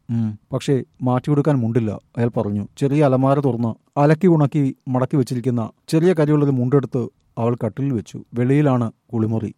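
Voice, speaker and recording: A man reading a newspaper short story aloud with calm, measured narration. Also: mid-range voice, no echo, clean studio sound. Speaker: story reader.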